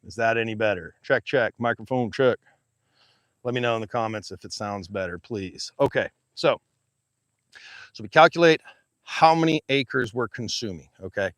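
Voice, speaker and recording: Out in his pasture among the cattle, a booming-voiced rancher livestreams a lesson on grazing math, chatting with viewers and walking through it step by step in a casual, folksy way. His tone is fairly bright, and the small mic clipped to his hat picks him up with no echo.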